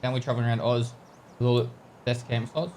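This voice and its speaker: Here a gaming streamer from Australia speaks fast through a livestream headset mic, his medium-pitched voice a little mellow and fairly even in intonation. He chats casually as he plays, trailing off with hesitations while thanking viewers. A little hiss or hum is present.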